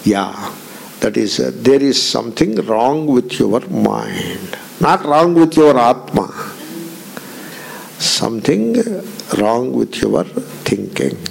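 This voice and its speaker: A man's voice: mid-range voice, expressive, slow pace, vocal fry, pauses often, breathy edge, low-quality recording. A man giving a spiritual discourse, emphatic, repeating phrases and putting pointed questions to his listeners. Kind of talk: Vedanta discourse.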